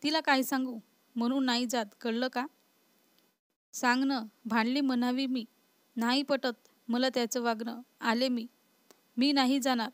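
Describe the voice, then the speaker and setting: A woman's voice: on the high side, steady tone, a little slow, long pauses, no echo, natural voice. A woman voicing a stubborn, spirited young wife in a storybook reading, with a defiant, retorting manner.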